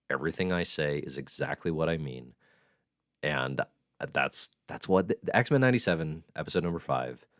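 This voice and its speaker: A man's voice: a bass voice, no room sound, clean studio sound. A man in his thirties hosting a casual live stream from a room at home, rambling and joking at his own expense. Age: 30s. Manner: rambling, self-mocking jokes. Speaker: host.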